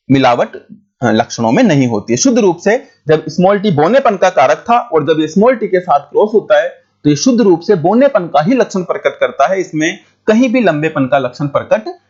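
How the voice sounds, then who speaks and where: A male teacher with a high voice explains a biology lesson at speed. He repeats key points and keeps checking that his students follow. The recording is dull and lo-fi. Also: sing-song, normal speed, a little mellow, breathy edge. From India.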